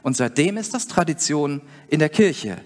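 Guy preaching a sermon, kinda high voice, earnest, asks the crowd stuff, long echo. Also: animated, moderate pace. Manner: earnest, explaining, asks listeners questions. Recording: long hall reverb.

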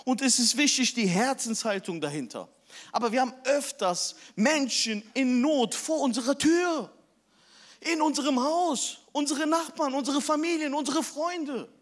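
A man preaching a sermon with lively, animated storytelling. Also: very high-pitched, measured pace. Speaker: pastor.

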